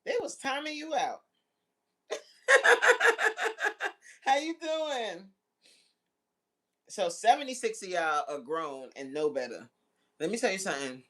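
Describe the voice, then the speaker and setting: This livestream host, also in her forties, speaks on the low side and sounds animated, though she talks slowly and pauses often. She reads viewer comments aloud and banters with them, using slang, teasing and giggling.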